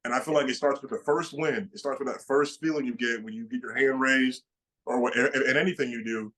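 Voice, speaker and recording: A man in his late twenties, a bodybuilder guest, answering interview questions in an excited way with many repeated starts. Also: mid-range voice, brisk, poor audio. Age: 20s.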